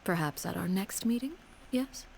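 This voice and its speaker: A woman voicing a cold, composed commander in a video game who speaks in a measured, formal and quietly menacing way. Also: mid-range voice, expressive, vocal fry, a little hiss or hum, low-quality recording. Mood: calm. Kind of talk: game voice acting.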